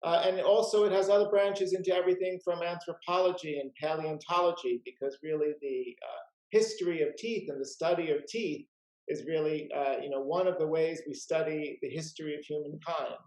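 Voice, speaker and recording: A man's voice: a little high, a little fast, darkish tone, reverberant, rough recording. A man hosting a casual video-call chat about rare books, talking in a chatty way full of "uh" and "you know". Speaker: rare book dealer and host.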